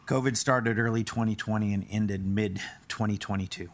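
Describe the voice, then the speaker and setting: A man's voice: lowish voice, steady tone, moderate pace. A man, a town commissioner and former mayor, making blunt, emphatic points in a commission meeting. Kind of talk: meeting debate.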